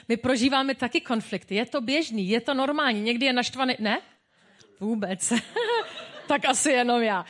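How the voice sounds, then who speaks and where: A woman's voice: high voice, a bit bright. A woman pastor giving a sermon in a personal, humorous, conversational way.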